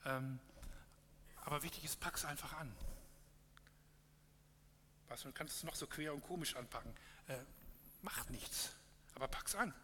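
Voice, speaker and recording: A man's voice: a little high, unhurried, pauses often, sharp tone. A man giving an earnest, encouraging sermon close and reading a parable aloud, with some hesitations. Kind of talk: sermon closing with a read parable. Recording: echoey hall with faint hum.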